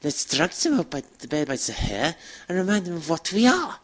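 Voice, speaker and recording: Woman voicing a husky, war-mad vampire commander, The Major. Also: on the low side, very animated, brisk. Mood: menacing, rousing. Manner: grandiose, savoring, emphatic oratory. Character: gleeful war-mad vampire military commander, fanatical orator. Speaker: fan dub performer. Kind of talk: theatrical dramatic villain monologue, rallying speech.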